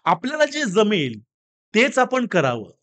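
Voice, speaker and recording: A man telling a story and then giving a motivational talk, animated and addressing viewers as friends. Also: high voice, measured pace. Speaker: motivational speaker.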